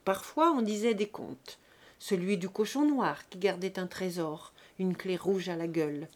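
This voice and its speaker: A woman narrating an audiobook of a classic novel in a calm, measured reading voice. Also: lowish voice. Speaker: audiobook reader.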